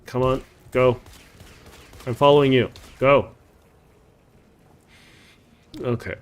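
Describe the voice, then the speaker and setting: A man's voice: medium pitch, little pitch movement, a little slow, clear, resonant tone. Rambling man streaming a game. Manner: rambling, heavy on "like" and "uh". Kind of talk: casual gameplay commentary.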